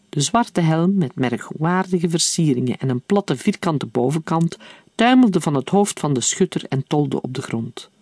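Male audiobook narrator, slightly high voice, calm, even delivery, dry close recording. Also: no room sound.

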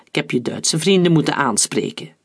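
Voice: mid-range voice, lively intonation, normal speed, breathy edge. The narrator doing a jittery bald tycoon. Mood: uneasy. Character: anxious, paranoid bald male industrialist.

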